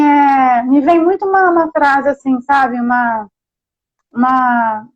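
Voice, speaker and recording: A woman's voice: sits high, dull audio. A woman host in a casual spiritual conversation, reflecting in long meandering sentences full of questioning tags. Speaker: host therapist.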